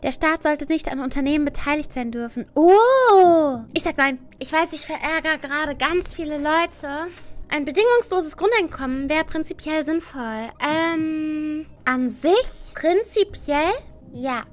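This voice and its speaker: A woman chatting casually on a livestream with a cute, animated anime-streamer delivery, switching between reading aloud and giving her own take. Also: sits high, measured pace. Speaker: livestreamer, VTuber host. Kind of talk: casual livestream chat, reading out and answering quiz questions.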